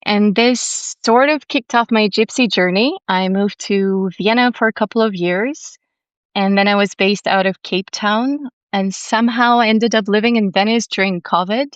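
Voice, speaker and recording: A young woman from Latvia, a podcast guest speaking in a calm, soothing and articulate way. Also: medium pitch, moderate pace, smooth, dry recording, muffled recording. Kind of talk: conversational interview.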